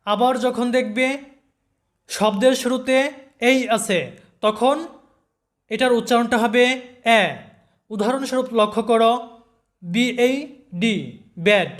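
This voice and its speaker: A man teaching English pronunciation in a slow, step-by-step lesson, spelling out example words and repeating them. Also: very high voice, steady tone.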